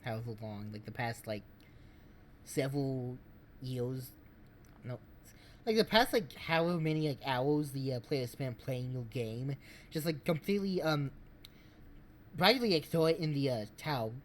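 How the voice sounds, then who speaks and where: A man streaming, giving casual game commentary in a rambling, halting way. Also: mid-range voice, expressive.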